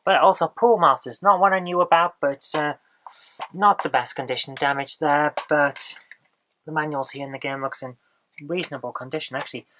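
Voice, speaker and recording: A tired vlogger talks in a mid-pitched voice. The delivery is casual and rambling, often searching for the next word, with low energy throughout. Noise sits behind the voice on the recording. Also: normal speed, bright, forceful tone. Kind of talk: casual vlog chat.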